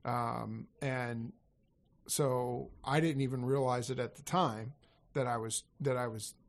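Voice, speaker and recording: Gravelly man chatting loosely. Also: medium pitch, steady tone, takes it slowly. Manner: rambling, self-correcting, laughs easily. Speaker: guest, sales coach. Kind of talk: casual podcast conversation.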